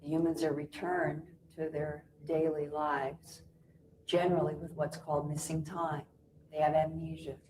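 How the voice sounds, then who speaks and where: A woman giving a measured documentary interview, her voice muffled and underwater-sounding from a poor stream of old tape. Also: sits low, little pitch movement. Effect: muffled underwater-sounding audio from a bad stream. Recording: echoey old VHS tape playback with faint hiss.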